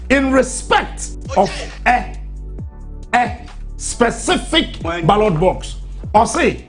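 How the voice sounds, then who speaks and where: A man with a Ghanaian accent, hosting a live radio show, reading out and explaining formal text in a deliberate way, repeating phrases for emphasis. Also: high-pitched. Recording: music behind the voice. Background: music.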